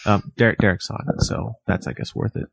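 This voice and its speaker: A man's voice: fairly low pitch, steady tone, brisk, vocal fry, breathy edge. A man on a casual podcast panel, speaking hesitantly in a dry, understated way. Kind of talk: casual chat.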